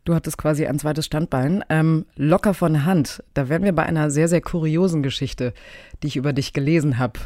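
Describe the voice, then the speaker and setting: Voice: mid-range voice, brisk, darkish tone, dry recording, clean studio sound. A podcast host asking playful, teasing questions in a casual interview.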